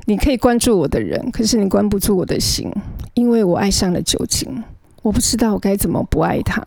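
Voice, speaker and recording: A woman's voice: medium pitch, vocal fry, a little mellow, no echo. A middle-aged woman, earnestly recounting her own past as a guest and often stammering as she restarts her sentences. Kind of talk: emotional personal storytelling.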